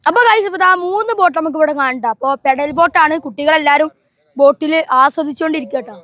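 High-pitched woman vlogger mixing in English. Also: quick pace, a bit bright, dry recording. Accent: Malabar Malayalam, northern Kerala. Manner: mixes English words into Malayalam. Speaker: travel vlogger. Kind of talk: casual vlog chat to viewers.

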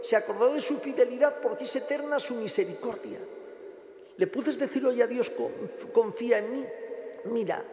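A man's voice: extremely high pitch, normal speed, darkish tone. A middle-aged man with a Castilian Spanish accent speaks as a priest, preaching and praying directly to the congregation at a lectern microphone. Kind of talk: homily and liturgical prayer. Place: large stone church, indoors. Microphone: gooseneck lectern microphone. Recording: echoey cathedral with long reverb.

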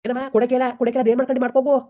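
A mocking young debtor snaps back fast and dismissively, acted by a woman. Her tone is dark and mellow, a touch high. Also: little pitch movement, close to an everyday voice. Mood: insolent. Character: rude village debtor, young man, insolent.

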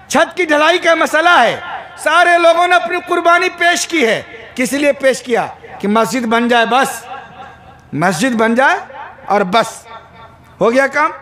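A male Islamic preacher, giving a humorous sermon at a gathering, quizzing the crowd and bursting into shouts. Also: extremely high pitch. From Bihar, India.

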